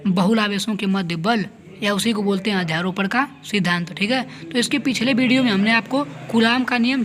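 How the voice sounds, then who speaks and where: Guy teaching physics for board exams, kinda high voice, says every step twice, asks then answers himself, light hiss behind. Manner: repeats points, asks and answers his own questions, says "theek hai" often. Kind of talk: board-exam lesson with diagrams.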